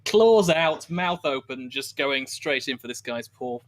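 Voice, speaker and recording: A man playing a tabletop game, describing his moves excitably and laughing often. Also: medium pitch, measured pace. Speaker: player. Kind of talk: casual tabletop play.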